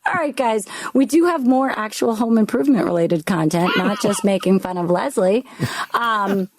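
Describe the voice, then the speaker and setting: A woman's voice: medium pitch, lively intonation, no echo. Woman radio co-host, stuffed-up cold voice, playful and chatty, dry. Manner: playful, chatty, quick to laugh. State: congested from a cold. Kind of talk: casual home improvement radio talk.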